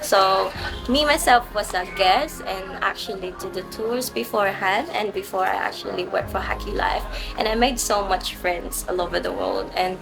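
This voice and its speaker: A woman who works as a photo host at a tour agency, answering interview questions in a relaxed way with many fillers. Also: medium pitch, moderate pace, vocal fry, music in the background.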